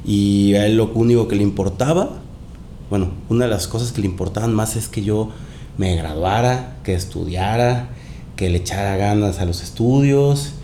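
A man from Mexico and Panama chats casually as a podcast guest, speaking at a normal speed with a dark tone. The room echoes, and a noticeable rumble runs underneath.

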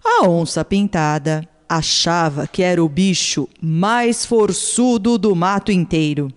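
A woman narrating a children's fable in an expressive storytelling manner. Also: lowish voice, slow, clear, resonant tone. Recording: long hall reverb.

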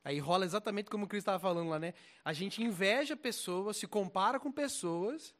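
A young Brazilian man preaching in a high, lively voice. He talks in easy street slang and swings from quiet asides to loud, pressing points. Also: a little fast. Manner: animated, mocking voices, swings between loud and soft. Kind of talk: casual slangy sermon.

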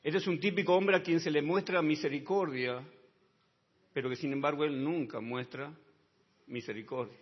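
Preaching at a normal pace, this slightly rough-voiced man keeps addressing his audience as brother and punctuating lines with amen. His delivery drops into hushed asides, then climbs to loud, high-pitched shouts, all muffled and echoing through a big hall.

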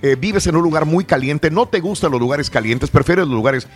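Radio host, man in his forties, lively pitch swings, high voice, faint music under. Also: brisk. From northern Tamaulipas and South Texas. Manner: lively, chatty, reads listener messages aloud. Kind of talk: casual radio chat.

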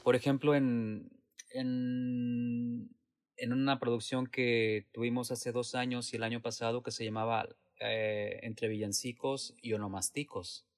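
A man's voice: mid-range voice, measured pace. A man who works in theater answers interview questions in a reflective, hesitant way, with many restarts and fillers. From Latin America. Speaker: theater actor and producer.

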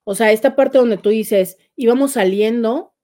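A Mexican woman therapist hosting a relaxed live stream, her voice sitting a little above the usual female pitch. She reads viewers' comments aloud with teasing sarcasm and frequent laughs, in loose, chatty speech. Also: unhurried. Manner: playful, sarcastic, laughs often. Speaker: couples therapist and host.

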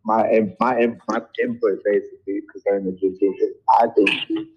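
A man with a lowish voice comes through a poor, muffled online call with dull, lo-fi sound. He talks in a hesitant, casual way, piling up fillers and restarting his sentences. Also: steady tone, a little fast, husky. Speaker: discussion participant. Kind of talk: casual group discussion.

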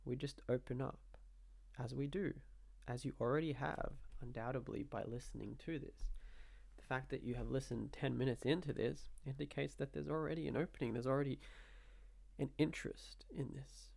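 A man leading a guided relaxation like a slow hypnotist, gently repeating permissive prompts with pauses. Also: medium pitch, fairly even intonation. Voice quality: creaky, gravelly. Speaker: guided meditation teacher.

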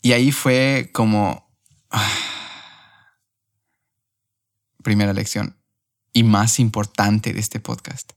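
A man's voice: lowish voice, extremely slow, long pauses. Emotional young man telling a story. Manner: emotional, animated retelling. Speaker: podcast host. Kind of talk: personal storytelling.

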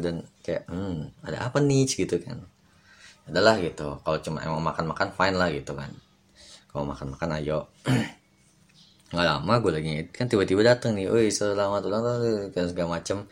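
A young man telling a personal story in a casual, rambling podcast monologue full of fillers. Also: low voice. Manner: rambling, many fillers, slangy. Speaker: podcast host.

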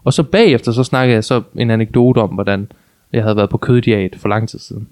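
A young man chatting casually as a podcast co-host, telling a long story with many restarts and frequent laughter. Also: lowish voice. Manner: rambling, many restarts, lively when retelling, laughs often. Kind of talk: casual chat.

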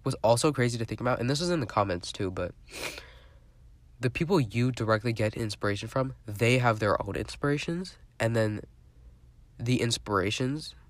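Chatty and full of fillers, a young man rambles through his own casual solo podcast in a stuffy, congested voice. He speaks at a normal speed with an animated, medium pitch, and there's no room sound.

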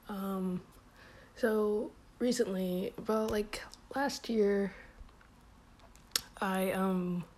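A young woman vlogger shares a personal story in a relaxed, casual way, her voice sitting in the mid-range. She leans heavily on "like," laughs softly and often, and mentions feeling a bit sick and hot.

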